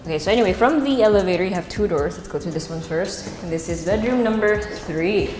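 A woman with a Filipino accent gives a chatty, casual tour of an empty house, presenting as she walks through its rooms and stairwell. Her voice sits on the low side with a darkish tone, and she's animated and brisk, talking unscripted with occasional switches into Tagalog. A wireless body mic with its pack at her waist picks up the echo of the bare rooms, with music running underneath.

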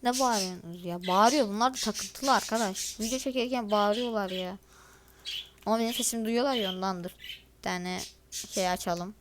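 Commenting over her gameplay at a normal speed, a teenage girl with a mid-range voice talks straight to her viewers. As a gaming video creator, she's chatty, grumbling and exasperated. Background noise can be heard.

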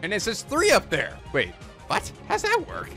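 Man, let's play host, high voice, very lively pitch, joking and swearing, faint game music. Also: moderate pace, vocal fry. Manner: animated, joking, swearing, frequent laughter. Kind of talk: comedic let's play commentary.

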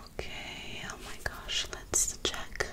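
Casting: woman, twenties, for whispered ASMR role-play as a face-care attendant; breathy whisper, clipped repeated words, unhurried overall. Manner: whispering throughout. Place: small dim bedroom, indoors. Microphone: close in front of her.

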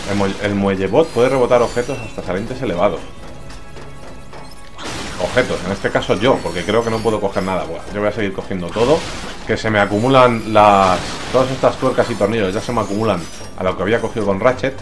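A man's voice: fairly low pitch, fairly quick. A man with a Spain accent giving casual, slangy, exclamatory let's play commentary. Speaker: gamer, let's play host. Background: game music.

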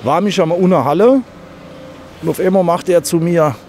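Joking worker outdoors. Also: male voice, sits high, moderate pace, darkish tone. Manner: chatty, joking. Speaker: demolition worker. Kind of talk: casual chat. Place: outdoor demolition site. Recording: outdoor noise with traffic.

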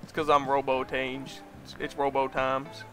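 A young man streaming a hockey game with friends, yelling at the game, swearing and laughing as he plays. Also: mid-range voice, completely flat delivery, normal speed, faint music behind. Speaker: gaming streamer. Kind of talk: excited gameplay chat.

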